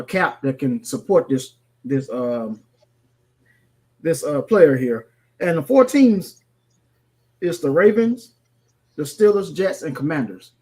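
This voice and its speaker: A man's voice: fairly high pitch, darkish tone. A man co-hosting a casual sports radio show, rambling with many fillers. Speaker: co-host.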